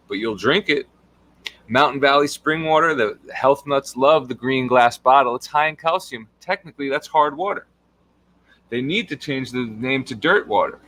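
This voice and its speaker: A man's voice: mid-range voice, a bit bright, rough recording. A man, a health coach giving an impassioned monologue full of emphatic rhetorical questions.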